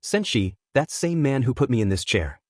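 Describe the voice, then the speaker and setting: A man doing a gruff, suspicious dojo owner. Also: medium pitch, animated, normal speed, dry recording, studio quality, close to an everyday voice. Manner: curt, irritable delivery.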